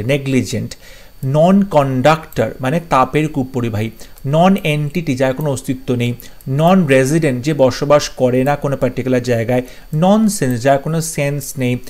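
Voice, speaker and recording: Brisk Bengali-speaking man teaching vocabulary. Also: a little high, darkish tone. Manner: lists words and gives quick meanings, checks understanding. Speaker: English grammar teacher. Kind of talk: vocabulary lesson.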